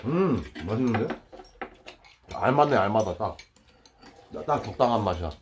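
A fairly low-voiced man talks with his mouth full, chewing as he speaks in a relaxed, plainspoken way. Clear background noise and the clink of dishes and cutlery run under his voice. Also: normal speed. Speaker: streamer eating a family meal. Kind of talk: casual chat.

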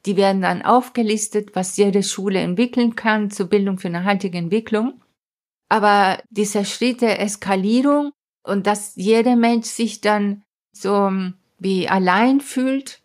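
Earnest woman explaining a science project. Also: medium pitch. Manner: earnest, explanatory, with emphatic asides like "ja?"; non-native grammar slips in German. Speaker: astrophysicist and science educator, podcast guest. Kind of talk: explaining in an interview.

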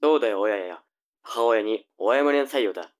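A man's voice: on the low side, expressive, fairly quick, clear, resonant tone, lightly acted. A man playing a nagging, flippant young older brother in a tongue-twister audio drama. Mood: needling.

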